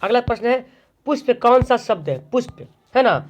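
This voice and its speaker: A man's voice: very high voice, expressive, moderate pace. A man teaching an online exam-prep grammar lesson, asking questions and answering them himself. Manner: drills by asking and answering his own questions. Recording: dull lo-fi recording.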